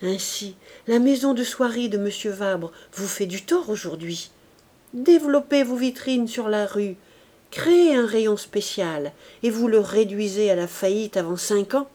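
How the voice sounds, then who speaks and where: A woman's voice: medium pitch, a little slow, warm tone, close to an everyday voice. A woman voicing an ardent young male shop clerk who woos with a sweet, sing-song, theatrical manner in an audiobook. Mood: persuasive. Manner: eager, pleading, theatrical.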